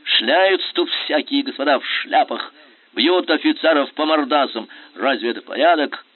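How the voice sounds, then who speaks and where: A man's voice: mid-range voice, normal speed, pitched above the performer's own voice, lightly acted. A man voicing an imperious, scornful Russian general who talks in biting, sarcastic commands. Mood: commanding. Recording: tinny phone-like sound.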